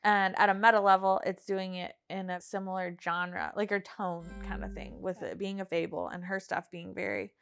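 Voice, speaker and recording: A woman's voice: medium pitch, animated, moderate pace, gravelly, hardly any pauses, fairly bright tone, faint music behind. Brief: woman co-host, mid-range voice, thoughtful conversational explaining. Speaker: podcast co-host. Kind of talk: casual film discussion.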